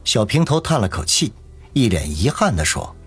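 A man's voice: fairly low pitch, big pitch swings, moderate pace, fairly bright tone, husky. A man narrating a novel as an audiobook, with dramatic storytelling. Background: faint music.

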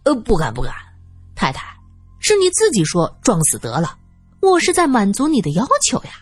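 A woman doing a glib young male policeman, cheeky and mock-polite, his voice a touch lower and breathy. It's a dry, close audio-story recording. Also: wildly swooping pitch, moderate pace, no room sound, soft background music, full character voice.

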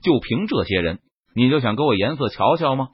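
Male narrator as an unflappable young swordsman, lively pitch, dull sound. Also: brisk, slightly rough, dry recording. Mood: cool. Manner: cool and composed, a bit mocking. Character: calm, unflappable young male cultivator hero.

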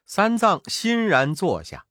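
Lively male children's storyteller. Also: high-pitched, slow, no echo, clean studio sound.

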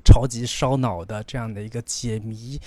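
A man's voice: medium pitch, steady tone, moderate pace, mellow, dry recording. A man talks about movies in casual podcast conversation, often repeating words as he works out his point. His voice is recorded close and dry, with no room sound. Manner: chatty, repeats words while thinking. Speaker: podcast co-host. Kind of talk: casual film discussion.

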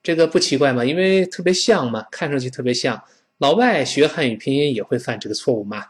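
A man teaching English pronunciation in an animated, playful way, drawing words out slowly for learners to repeat and acting out example sounds. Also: medium pitch.

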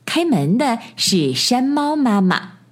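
Woman, bedtime story narrator, slow pace, breathy, sing-song melody. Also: fairly high pitch, big pitch swings. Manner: slow, lilting storybook delivery.

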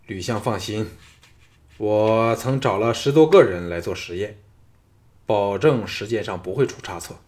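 Sly, self-assured plotter in an audiobook, low and hushed, read by a male narrator. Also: a little slow, lightly acted. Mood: confident. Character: cunning, confident male strategist advisor. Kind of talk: audiobook character reading.

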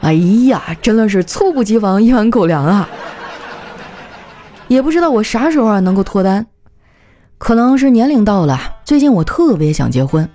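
A woman's voice: mid-range voice, big pitch swings, normal speed, dark tone, faint music behind. A young woman hosting a comedy show, telling funny stories in a chatty way and laughing as she talks. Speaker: comedy podcast host. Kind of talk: comic storytelling monologue.

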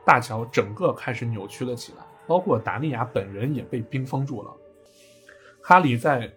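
A man's voice: medium pitch, animated, normal speed, fairly bright tone. Chatty guy retelling a game plot, jokey asides, faint music underneath. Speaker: podcast storyteller. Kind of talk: casual game story retelling.

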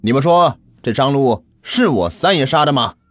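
A man's voice: medium pitch, lively intonation, normal speed, a bit bright, dry recording. A man voicing an arrogant, domineering Ming-era local tyrant who barks orders, in a spoken ghost-story telling. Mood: bullying.

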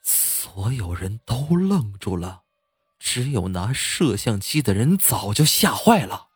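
A man narrating a scripted horror story in a slow, suspenseful manner. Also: on the low side, very animated, husky, no room sound, studio quality.

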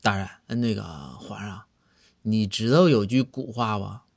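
A man voicing a sly, earnest judge who speaks softly and deliberately in a comic story. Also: lowish voice, creaky, slightly rough, dry recording, studio quality, heavily acted.

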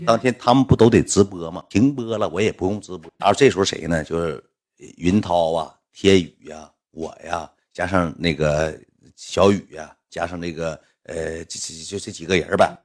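A man with a Northeastern Mandarin accent tells a rambling, colloquial story to his livestream audience. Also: deep voice. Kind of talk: casual spoken storytelling.

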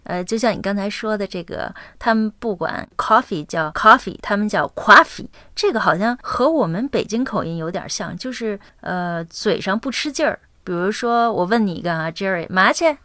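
A woman's voice: medium pitch, expressive, a little fast, few pauses, no room sound, clean studio sound. A woman from China co-hosting a language-learning podcast, chatting mostly in Chinese and mixing in English phrases. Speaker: podcast co-host. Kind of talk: bilingual language-lesson podcast chat.

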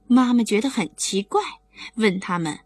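A woman reading a children's bedtime story aloud in an animated, expressive way. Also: mid-range voice, moderate pace, no echo.

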